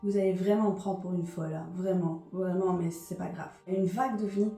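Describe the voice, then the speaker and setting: A woman's voice: lowish voice, fairly even intonation, quick pace, warm tone, reverberant, soft background music. A woman from Liège with a Belgian French accent, chatting hesitantly in a vlog, with lots of fillers and repetitions. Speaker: vlogger. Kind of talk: casual confessional chat.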